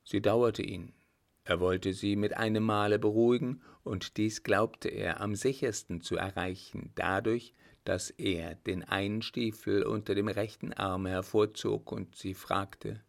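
A man reading a historical novel aloud in a measured storytelling manner. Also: lowish voice, vocal fry. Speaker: audiobook reader. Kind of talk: scripted narration.

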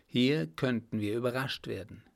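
A man's voice: medium pitch, normal speed, vocal fry, close to an everyday voice. A man reading aloud and voicing a cheeky, loyal young male servant who talks in a jaunty, plain-spoken way.

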